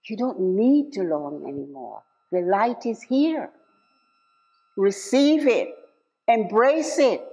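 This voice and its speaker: A woman preaching a sermon at a church service, slow and emphatic, repeating key phrases and putting direct questions to her listeners. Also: medium pitch, animated, mellow. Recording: dull lo-fi live church recording.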